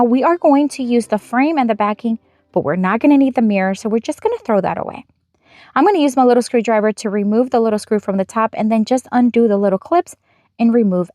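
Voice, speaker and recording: A young woman with a fairly high voice talks viewers through a craft project. She keeps her voice-over chatty and upbeat, explaining each step plainly. The sound is close and dry, with no room around it. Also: a little mellow, no echo. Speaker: craft channel host.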